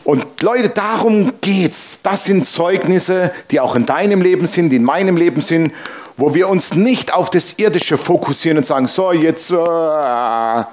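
Emphatic preaching man, somewhat high voice. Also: lively intonation, measured pace, a little mellow. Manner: emphatic, rhetorical questions to congregation; conversational storytelling, exclaims Amen. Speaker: pastor. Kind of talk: sermon with anecdotes.

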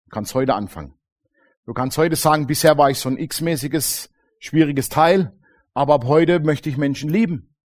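A man preaching a sermon to a congregation, lively and colloquial, acting out little dialogues and often calling out "Amen". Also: a little high, normal speed. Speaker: pastor. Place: church congregation.

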